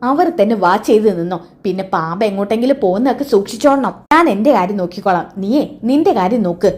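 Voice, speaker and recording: A woman's voice: mid-range voice, lively intonation, fast talker, a little mellow, close to an everyday voice. A woman voicing a young man who brashly plots alongside his mother. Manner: brash, dismissive. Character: young man, mother's sly plotting son.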